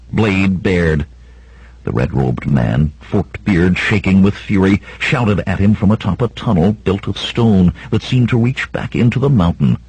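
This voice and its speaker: A man narrating an adventure audiobook in a steady, measured way, with a husky voice, recorded close to the mic. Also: no echo, poor audio. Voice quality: deep and husky. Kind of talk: scripted narration.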